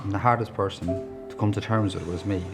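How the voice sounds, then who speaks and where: Low-voiced Irish man, reflective. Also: steady tone, quick pace, gravelly, over music. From Ireland. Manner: reflective, candid storytelling. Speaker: documentary interviewee. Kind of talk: documentary interview.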